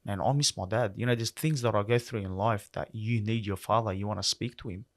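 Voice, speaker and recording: A man's voice: on the low side, fairly quick. A man around thirty, from Lebanon, talking candidly and reflectively as a podcast guest, often saying "you know". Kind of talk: candid interview talk.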